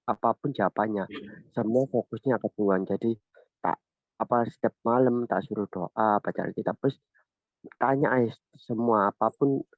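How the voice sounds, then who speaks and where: Guy sharing parenting stuff on a video call, kinda low, dry tinny phone sound. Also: dry recording. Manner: halting, many restarts and fillers. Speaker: parent sharing in a church group. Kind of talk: casual testimony sharing.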